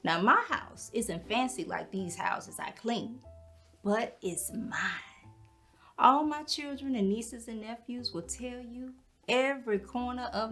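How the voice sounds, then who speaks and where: A woman's voice: a little high, fairly bright tone. A woman, performing a theatrical monologue as a proud, hardworking middle-aged mother who cleans houses for a living. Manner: dignified, storytelling, folksy. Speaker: actor performing a stage monologue.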